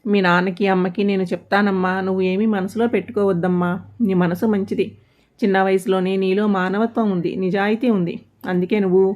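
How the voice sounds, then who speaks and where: Give me a woman playing a gentle old grandfather who calmly comforts a child. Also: medium pitch, highs cut off, natural voice. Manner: patient, soothing advice. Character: kindly elderly grandfather, gentle and wise.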